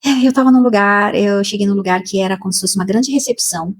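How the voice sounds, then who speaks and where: A Brazilian woman slowly and emotionally telling a personal spiritual testimony, with many repetitions. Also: mid-range voice. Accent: Brazilian Portuguese. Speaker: spiritual channel host.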